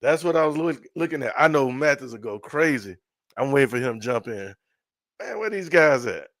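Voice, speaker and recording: A middle-aged man hosting a casual live sports stream, excitable and repetitive, often trailing off mid-sentence. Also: mid-range voice, a little fast, no echo, clean studio sound. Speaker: sports show host.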